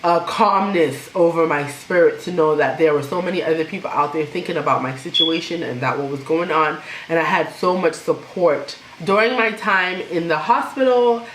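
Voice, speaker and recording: Lowish-voiced woman telling her story. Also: moderate pace, few pauses. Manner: animated, laughs while telling, imitates others. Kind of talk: casual storytelling to camera. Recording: echoey room with faint noise.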